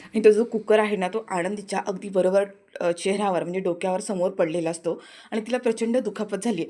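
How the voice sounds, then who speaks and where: A woman with a Marathi accent, talking through a TV serial episode as a casual recap. Her voice sits at an everyday middle pitch, and she slips into short acted lines for the characters as she goes. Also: fairly even intonation, a little fast, warm tone. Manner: retells scenes, briefly acting out characters' lines.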